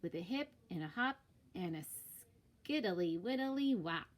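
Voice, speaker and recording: Reading a children's storybook aloud, a woman teacher uses a lowish voice, expressive and deliberately emphatic.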